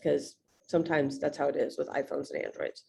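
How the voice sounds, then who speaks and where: A woman with a slightly low voice gives sales coaching over a video call. She talks fast and bluntly, plain and direct with her listeners. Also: fairly even intonation, gravelly, darkish tone, slight background noise. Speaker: real estate agent and sales coach.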